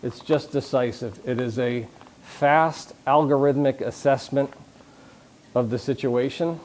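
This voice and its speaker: Unhurried and darkish in tone, this mid-range male voice comes with a bit of hiss or hum. The talk is about leadership before a live conference audience, delivered in a casual, joking way with many restarts and questions to the room.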